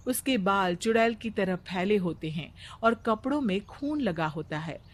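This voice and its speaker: A woman's voice: mid-range voice, expressive, measured pace. Plain woman narrating a cartoon story.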